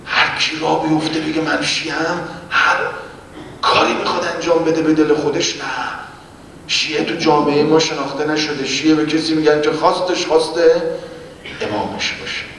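A man's voice: steady tone, vocal fry. Preacher man in an echoey hall. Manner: dramatic, swings from loud exclamations to hushed whispers. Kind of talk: religious storytelling sermon. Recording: echoey hall, distant mic, faint rumble.

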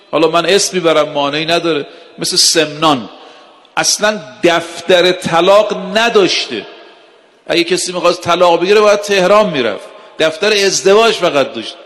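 A man's voice: fairly high pitch, fairly bright tone. Emphatic preacher man in a hall. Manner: emphatic, slow, drawn-out delivery with rhetorical questions. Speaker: cleric preacher. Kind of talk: religious sermon. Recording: long hall reverb.

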